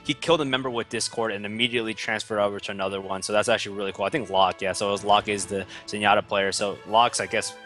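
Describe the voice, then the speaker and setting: A young American man casts an esports match, tired and rambling, joking at his own expense. His voice is a bit low but bright and forward. Faint music plays behind him. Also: steady tone, fast talker, hardly any pauses. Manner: rambling, joking, self-mocking sarcasm. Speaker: esports caster. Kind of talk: casual esports commentary.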